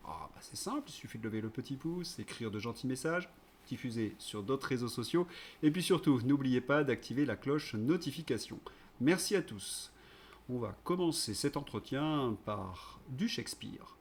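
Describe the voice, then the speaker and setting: A man hosting his own political commentary channel, delivering an indignant, sarcastic monologue. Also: mid-range voice.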